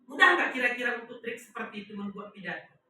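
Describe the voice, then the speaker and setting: A woman's voice: on the high side, lively intonation, fast talker, bright, forceful tone. A woman teacher giving a classroom lesson, leaving her sentences open for the class to finish. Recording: echoey classroom from far off.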